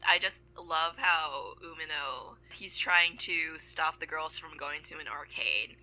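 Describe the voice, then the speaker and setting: Bright, giggly woman co-host. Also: low-pitched, slow pace, soft background music, low-quality recording. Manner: giggly, retells scenes with acted quotes. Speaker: podcast co-host. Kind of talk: casual chat.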